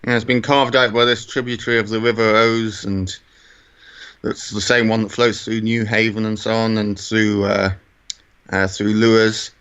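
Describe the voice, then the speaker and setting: A British man co-hosts a casual podcast, describing things conversationally. His voice is bright and crisp at a middle pitch, though the recording is a little dull and lo-fi. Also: level tone, moderate pace. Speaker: podcast co-host. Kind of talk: casual chat describing a walk.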